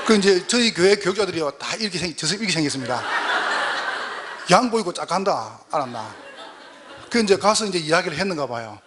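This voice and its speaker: A man's voice: sits high, animated, rapid-fire, hardly any pauses, heavy background noise. A man with a Gyeongsang accent, a pastor giving a folksy, joking lecture at a training session. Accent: Gyeongsang dialect.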